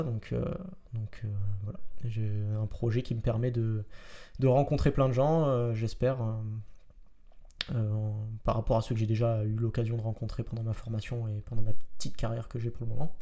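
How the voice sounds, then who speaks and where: A man's voice: medium pitch, steady tone, dark tone. Young man hosting a casual podcast. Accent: Marseille. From France. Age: 20s. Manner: halting, many fillers and restarts, laughs easily. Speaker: podcast host. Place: room in Marseille.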